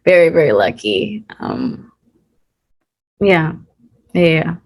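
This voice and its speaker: A young woman speaking in a casual interview, with a somewhat low voice. She talks earnestly and from the heart, often pausing and restarting. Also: big pitch swings, husky. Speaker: guest, actor.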